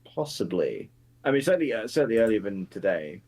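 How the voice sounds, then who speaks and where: A man chatting casually on a game stream, hesitant and halting. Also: lowish voice, sing-song, darkish tone. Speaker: stream co-player.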